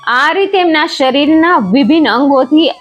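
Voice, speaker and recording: A woman narrating a devotional scripture in a measured, steady recitation. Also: high-pitched, lo-fi sound, soft background music.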